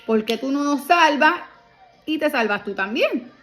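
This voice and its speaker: Jeering rude criminal, played by a woman preacher, high and mocking. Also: animated, measured pace, fairly bright tone, faint music behind. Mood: taunting. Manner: mocking, taunting. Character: jeering male criminal on a cross, disrespectful.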